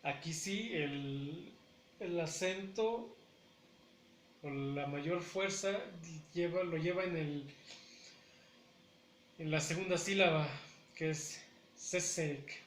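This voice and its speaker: Man, language teacher, very slow and deliberate, slightly high voice, echoey room with faint background noise. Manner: repeats words syllable by syllable, deliberate. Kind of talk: slow pronunciation lesson.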